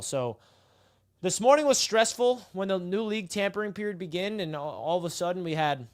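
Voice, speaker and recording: Out in the sun, a man hosts a casual live sports stream, speaking directly to his chat in a hyped, chatty way. His voice is on the high side, clear and resonant.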